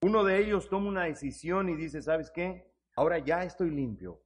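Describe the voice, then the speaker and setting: A man's voice: fairly high pitch, expressive, moderate pace. A man preaching a sermon, earnestly addressing the listener as brother and rising to fervent emphasis on scripture. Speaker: pastor.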